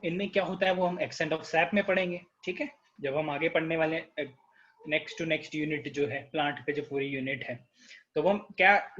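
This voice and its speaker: A man's voice: sits high, a bit bright, dull audio. A man with an Indian accent teaching a biology class, mixing Hindi with English and putting questions to his students. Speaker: biology tutor. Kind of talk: online class lecture.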